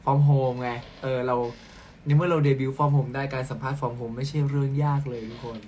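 A man's voice: medium pitch, flat delivery, moderate pace, background noise. A young man from Thailand, a singer, chatting casually and playfully with fans at home while reading out their comments on a phone live stream. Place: at home, in sleepwear.

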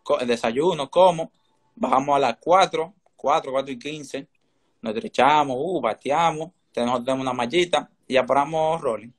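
A teenage young man from the Dominican Republic, with a Dominican accent, gives casual answers as an interview guest. He speaks at medium pitch and a moderate pace, joining by remote video call from an indoor room with a phone or laptop close in front of him.

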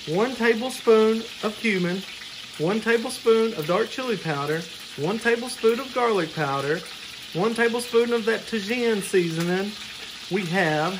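Chatty man cooking in a sizzling kitchen. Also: sits high. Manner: chatty, talks to the viewer while cooking. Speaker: cooking show host. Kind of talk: casual cooking tutorial. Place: home kitchen, indoors. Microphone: camera mic at a distance. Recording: noisy kitchen with sizzling pan. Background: frying and sizzling food.

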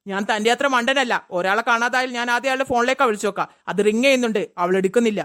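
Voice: medium pitch, racing, fairly bright tone, clear, resonant tone, lightly acted. A performer doing a curt, irritable boss. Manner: curt, dismissive.

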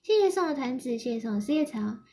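A woman's voice: sits high, expressive, normal speed, warm tone, slight background noise. A young woman from Japan who speaks Mandarin as a second language, chatting casually with viewers on a livestream, giggling and switching between Mandarin and Japanese. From Yamanashi, Japan. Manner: mixes Mandarin and Japanese, giggly, reads viewer comments aloud. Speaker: idol livestream host.

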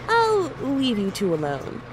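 A young female grim reaper from a cartoonish game. She is wry, casual and a bit awkward. Her high voice is lively in pitch and slow in pace. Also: noisy background, exaggerated voice. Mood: polite, wry.

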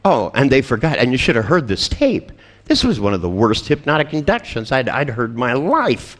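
A man's voice: mid-range voice, sing-song, moderate pace. An older man giving a seminar talk, telling stories in a wry, sardonic way with profane asides. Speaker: seminar presenter. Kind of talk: storytelling lecture.

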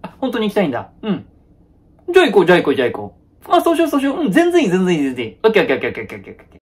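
A man's voice: sits high, wildly swooping pitch, rapid-fire, husky, exaggerated voice. A man playing a young boyfriend in a one-sided comedy sketch, placating, repeating phrases nervously and laughing awkwardly. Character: young male boyfriend, placating, avoids any conflict.

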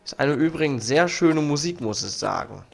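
A young man hosting a let's play, despite having a cold, talks animatedly about his game and reads its text out loud. His voice is on the high side and gravelly, at normal speed, recorded through a studio mic on an arm with faint game music underneath.

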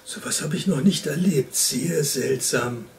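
A man voicing a wary lynx who stammers nervously and talks in a raised, hurried voice, in a read-aloud storybook. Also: a little high, fairly even intonation, darkish tone, distant mic, voice pushed up. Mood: thoughtful.

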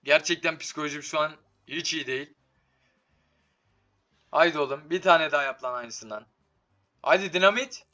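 A man's voice: fairly high pitch, moderate pace, pauses often, sharp tone, lo-fi sound. A man doing casual, slangy live commentary on a slot game, swearing and talking to it, his voice giving out from being a bit sick. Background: game music.

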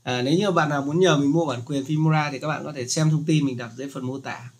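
A chatty man talks through a casual screen-recorded software tutorial. His voice sits slightly high, and his explanations stay loose and joking. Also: fairly even intonation, fast.

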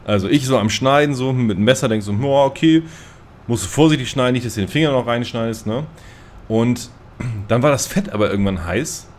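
On a multiplayer voice chat, a gamer casually spins a rambling, self-mocking story for the group, often laughing at himself. His voice sits at medium pitch, with a little hiss or hum in the audio.

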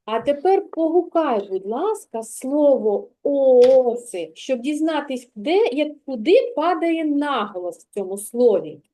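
A high-voiced woman teaches a young child to read in a one-on-one lesson. She speaks slowly and patiently, with a warm, soft tone, and stretches out each sound so the child can hear it. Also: big pitch swings. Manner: patient, drawn-out stressing of sounds and words. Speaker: kindergarten teacher.

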